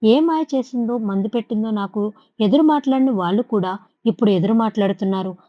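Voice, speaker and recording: A woman's voice: mid-range voice, brisk, dry recording, close to an everyday voice. Brief: woman reading whining, accusing middle-aged mother, storybook, dry lo-fi sound. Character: spiteful middle-aged mother, wailing complaints. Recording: dull lo-fi recording.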